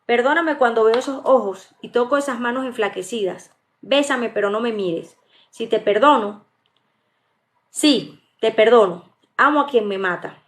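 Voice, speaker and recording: A woman's voice: a little high, moderate pace, lightly acted. A woman reading the part of a feverish, passionate dying young woman in a live audiobook, with stumbles and restarts. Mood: pleading. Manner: read aloud plainly, with stumbles and restarts.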